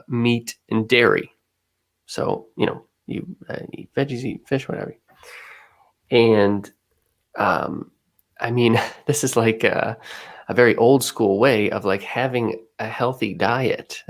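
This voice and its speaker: A podcast co-host with a fairly low, fry-tinged voice chats casually, musing thoughtfully as he hunts for the right words.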